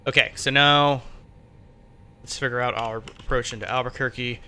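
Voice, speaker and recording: A man's voice: fairly even intonation, moderate pace, pushed and bright. A man streaming as a virtual pilot, casually thinking aloud and muttering to himself as he works through steps. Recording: faint background noise and low rumble.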